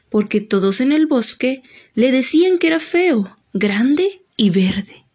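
Slow, gentle woman telling a kids' story. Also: on the high side. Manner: gentle, slow and expressive, asking the listener questions. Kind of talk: children's story narration.

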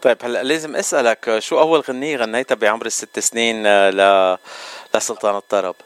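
A man's voice: fairly low pitch, steady tone, fast talker, clean tone, dry recording. An effusive man with a Lebanese Arabic accent, interviewing a guest casually as a radio host. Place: radio show.

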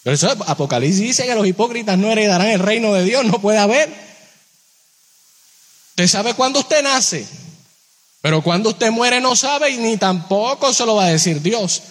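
A man's voice: expressive, fairly bright tone, husky. A man preaching a sermon, speaking straight to his listeners with rhetorical questions and drawing out key phrases. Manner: slows down on key phrases, shifts pitch a lot. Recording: long hall reverb.

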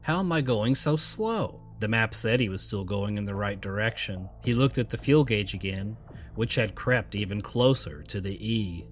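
A man narrating a scary story in a calm, measured voice. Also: fairly low pitch. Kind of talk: scripted narration.

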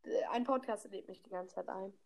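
A woman's voice: mid-range voice, a little fast, gravelly. A teenage girl in a casual chat game, teasing and a bit bossy.

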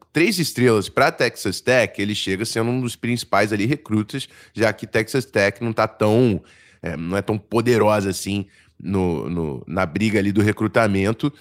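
A Brazilian man hosting a casual sports podcast in informal, halting, slangy talk, his voice slightly strained and failing. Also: fairly low pitch. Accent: Brazilian Portuguese. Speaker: podcast host.

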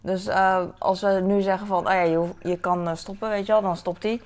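A woman's voice: medium pitch, brisk, slight background noise. A woman in her thirties, a mother chatting casually in a rambling way while doing household chores for her vlog. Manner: chatty and rambling, animated when telling stories. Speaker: vlogger and mother.

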